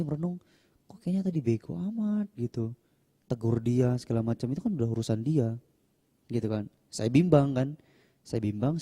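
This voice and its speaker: A young man, speaking as a monk who answers questions in a relaxed, chatty way. His voice is very dark and mellow, at a middle pitch. He speaks without a microphone, so he sometimes comes through quieter. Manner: chatty, acts out quoted people with raised pitch. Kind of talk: casual storytelling in a Q&A talk.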